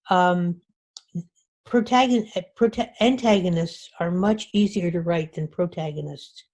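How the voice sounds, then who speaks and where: A woman author's voice, on the low side with a darkish tone, carries through a meeting room during her informal talk to a writers group. Her delivery is conversational, with frequent restarts.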